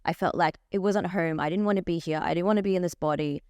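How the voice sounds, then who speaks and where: She's a young Australian life coach being interviewed on a podcast, telling her story in an open, lively, animated manner at a quick pace. Her voice is lowish, captured in clean studio sound with no room sound.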